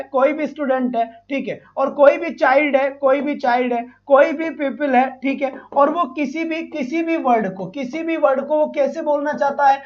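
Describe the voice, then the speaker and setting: A man leads a live online exam-prep class in a high, light voice. He repeats every point, fires questions at his students and keeps praising them. The stream audio is dull and muffled. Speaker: teacher.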